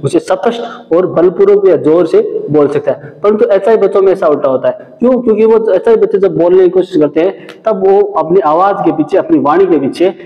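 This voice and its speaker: A man's voice: sits high, fairly quick. A man teaching a class, explaining step by step and often repeating points and checking in with "okay". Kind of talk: classroom lecture. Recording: echoey hall, dull lo-fi sound.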